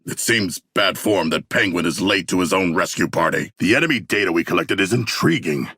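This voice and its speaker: An actor playing a hulking, noble shark warrior in a video game, with formal, grandiose diction and an earnest, literal-minded manner. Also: male voice, low voice, animated, brisk, pushed and bright, husky, no echo, studio quality, full character voice. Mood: musing, formal. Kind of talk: theatrical video game voice acting.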